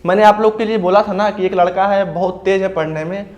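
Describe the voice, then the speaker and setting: A man's voice: high-pitched, steady tone, quick pace, a little mellow, dull audio. A man from India, giving casual step-by-step advice to exam aspirants and often checking in with his listeners. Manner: explains step by step, often says "ठीक है भैया". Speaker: exam preparation coach. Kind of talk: casual spoken advice talk.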